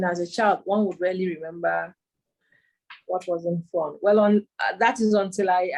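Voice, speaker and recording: Over a video call, this Nigerian poet and author, in her thirties, recalls growing up, pausing thoughtfully and saying "um" often as she looks for the right words. Her voice is on the low side and a little mellow, captured in a rough recording.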